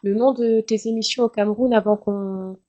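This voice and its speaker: A woman hosting a casual interview, asking relaxed, soft-spoken questions. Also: medium pitch, normal speed, lo-fi sound. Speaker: interview host.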